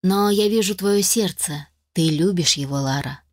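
A woman voicing a sly, mischievous female fairy who teases in a smug, lowered voice. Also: normal speed, dry recording, clean studio sound, close to an everyday voice. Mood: teasing. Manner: teasing, smug, with soft giggles. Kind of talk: audiobook character voice.

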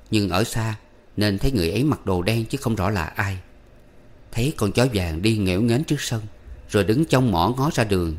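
A man narrating a storybook in a steady, measured reading voice. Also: fairly low pitch. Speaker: audiobook narrator.

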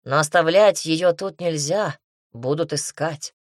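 Woman doing a gruff young male revolutionary. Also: deep voice, unhurried, no room sound, studio quality. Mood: grimly resolute. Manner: curt, barking orders.

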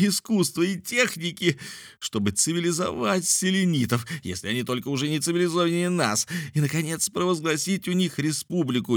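A man doing a bombastic excitable traveler. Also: a little high, no echo, clean studio sound, voice pushed up. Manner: exclamatory, bombastic shouting. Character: excitable boastful male space traveler.

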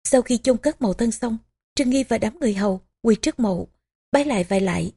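A woman narrating a historical novel as an audiobook, in measured, even storytelling. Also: fairly high pitch, husky. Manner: measured, even storytelling with small voicings for characters.

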